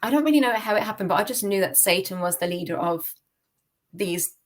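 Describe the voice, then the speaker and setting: A podcast guest giving testimony, the young British woman tells her personal story candidly in a mid-range voice that's expressive and brisk. Her manner is informal and reflective, sprinkled with "like" and "you know".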